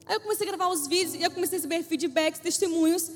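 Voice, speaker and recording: Speaking very fast, a very high-voiced woman gives a funny testimony sermon to her congregation in a big echoing hall with faint music underneath. She tells her story with playful wit, voicing each person she quotes.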